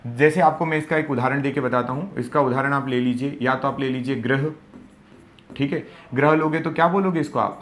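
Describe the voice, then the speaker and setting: A young man with a slightly high voice teaches a Hindi grammar class for an exam. He keeps asking rhetorical questions and answering them himself, and he repeats key words slowly so they sink in. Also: fairly bright tone.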